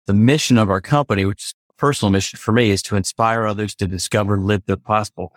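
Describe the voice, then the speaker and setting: Quick-paced and steady in a lowish voice, this East Coast American talks reflectively and earnestly as a podcast guest, stopping now and then to clarify. He's a culture consultant, heard in a casual interview recorded dry with studio quality.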